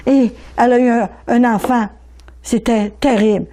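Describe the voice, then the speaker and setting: Older Québécois woman, mellow tone, emotional testimony, stumbles and repeats herself in animated bursts. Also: on the high side. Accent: Québécois French. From Quebec. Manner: animated, repeats words, stammers in rushes. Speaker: speaker giving religious testimony.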